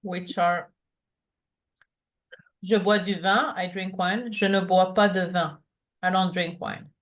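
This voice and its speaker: A woman's voice: fairly low pitch, steady tone, slow pace. Woman tutoring over a video call. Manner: explains patiently, many fillers and restarts. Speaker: French tutor. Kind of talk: online one-to-one lesson.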